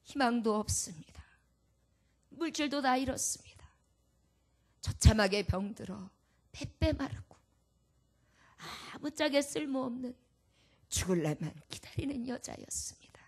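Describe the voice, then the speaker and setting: A woman's voice: on the high side, animated, measured pace, long pauses. A woman preacher voicing a desperate sick woman who confesses in a trembling, pleading voice that drops into whispers.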